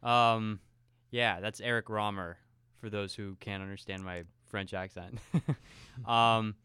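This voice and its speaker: A man co-hosting a film podcast, talking in a relaxed, conversational way. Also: on the low side, takes it slowly, clean tone, no room sound, clean studio sound. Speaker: podcast co-host. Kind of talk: casual film podcast chat.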